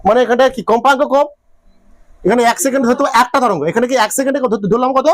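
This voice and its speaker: A man's voice: very high-pitched, rapid-fire, no room sound. A man teaching a physics class, repeating his questions to the students and checking often that they follow. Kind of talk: classroom lecture.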